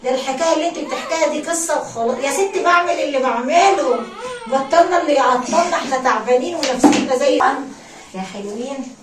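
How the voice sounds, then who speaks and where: An Egyptian woman with a slightly high voice rattles off a story in a chatty, fast way. She is some distance from the mic in an echoey room. Running water and clattering dishes sound clearly behind her. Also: heavy background noise. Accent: Egyptian Arabic. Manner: chatty, addresses viewers as sweeties, swears oaths. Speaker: storyteller and vlogger. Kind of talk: casual storytelling while doing housework.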